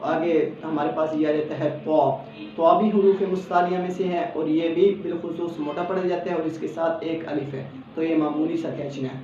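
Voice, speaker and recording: A man with a Pakistani Urdu accent teaching Quran letter pronunciation, patiently explaining each letter and then saying it slowly as a model. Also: fairly high pitch, steady tone, mellow. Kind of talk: step-by-step pronunciation lesson. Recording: echoey, distant, dull lo-fi sound with faint background hum.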